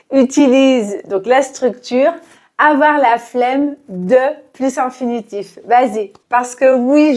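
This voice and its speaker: A woman teaching French expressions in a quiz-style lesson, talking clearly and deliberately with playful examples. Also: on the high side, a little mellow.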